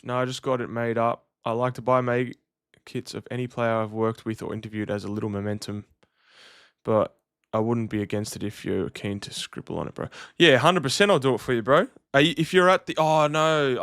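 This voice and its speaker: A man's voice: medium pitch, a little fast, fairly bright tone, clear, resonant tone, no echo, clean studio sound. Man, streaming casually. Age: 30s. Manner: laid-back slangy, matey address. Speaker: livestream host. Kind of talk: casual livestream chat with viewers.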